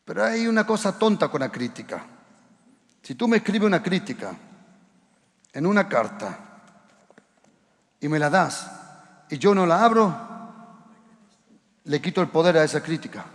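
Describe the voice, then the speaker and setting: A male pastor preaching a lively storytelling sermon in a church, rising at times to shouts. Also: a little high, moderate pace, long pauses, long reverb tail. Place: church hall. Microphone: handheld or stand microphone.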